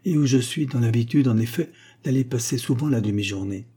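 A shy, witty young woman speaking quietly, as a male narrator reads her lines. The voice is low, soft and husky. It sounds like a gentle storybook heroine. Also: fairly quick, lightly acted.

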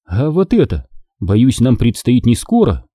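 A man's voice: mid-range voice, wildly swooping pitch, a little slow, dark tone, no echo, clean studio sound. A man voicing a playful, mannered young woman in an audiobook. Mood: teasing.

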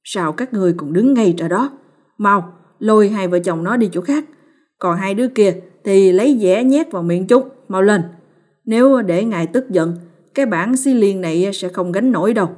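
A woman's voice: on the low side, measured pace, lightly acted. A woman reading the part of a stern old male village shaman in a storybook ghost tale, speaking in harsh, commanding orders. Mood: angry.

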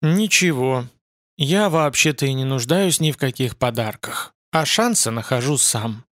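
A man voicing a proud, gruff young loner with a dark reputation, speaking bluntly and dismissively. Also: medium pitch, lively intonation, a little slow, no echo, clean studio sound.

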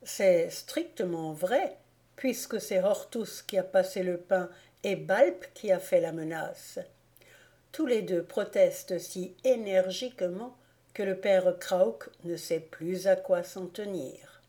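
A woman reading an audiobook aloud in measured, even storytelling narration. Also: on the low side. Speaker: audiobook reader.

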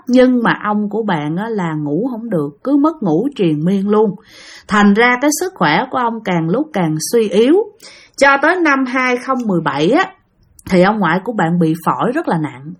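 A woman with a Southern Vietnamese accent retelling a ghost story in a conversational way, speaking directly to her listeners. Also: medium pitch.

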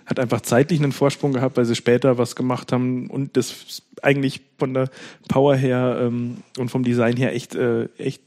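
A man talks casually on a podcast at an average pitch. He rambles, circles back and restarts his sentences often, in a loose, chatty way. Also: level tone, moderate pace, a little mellow. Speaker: podcast co-host. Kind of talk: casual chat.

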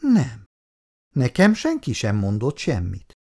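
A man reading a story aloud, voicing an eager, cheerful young woman in raised girlish tones. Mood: surprised. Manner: excited, high-pitched girlish lines. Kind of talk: read-aloud story dialogue.

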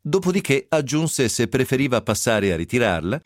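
Male reader, low voice, animated ironic storytelling, close dry radio studio. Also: moderate pace, no room sound. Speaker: reader of a novel excerpt. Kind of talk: expressive literary reading.

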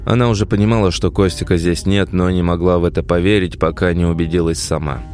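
A man narrating an audiobook in a measured, dramatic reading. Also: sits low, fairly even intonation, a little mellow, soft background music. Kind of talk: scripted narration.

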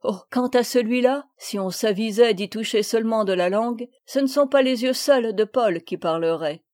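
A woman voicing a kind, brotherly young boy in a storybook reading, lively in manner. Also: on the high side, normal speed, no echo, clean studio sound, lightly acted. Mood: eager.

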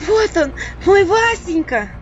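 A shrill, wailing village girl in a folk-tale audiobook, as a woman narrator puts her on. Her pitched-up cries cut through a dull, lo-fi recording with faint music behind. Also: very animated, takes it slowly, exaggerated voice. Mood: shrieking panic. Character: panicked young village girl, shrieking and wailing.

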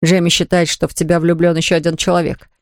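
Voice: mid-range voice, flat delivery, fast, gravelly, dry recording, clean studio sound, natural voice. A reader doing an earnest young man in love. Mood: imploring. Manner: earnest, imploring.

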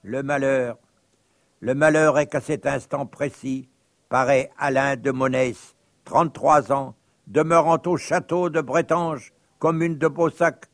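A man narrating a radio documentary from a script, telling the story dramatically with sharp rises and drops. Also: mid-range voice, fairly even intonation, a little slow, no echo.

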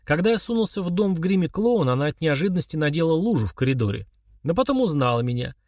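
A man voicing a calm, mocking young man who chats casually while confessing murder to his father. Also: on the high side, fast talker, no echo, studio quality, pitched above the performer's own voice. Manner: chummy, sneering, confessional tone.

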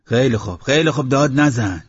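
A man's voice: medium pitch, expressive, breathy edge, pitched above the performer's own voice. A man voicing a shrewd, wise male villager who speaks firmly and with calculation, on a dull lo-fi audiobook recording. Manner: calculating, firm.

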